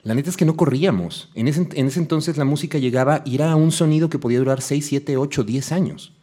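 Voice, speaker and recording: Fast-talking man hosting a chat. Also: fairly high pitch, mellow, husky. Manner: quick, chatty, frequent filler agreements. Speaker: podcast host. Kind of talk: casual conversational interview.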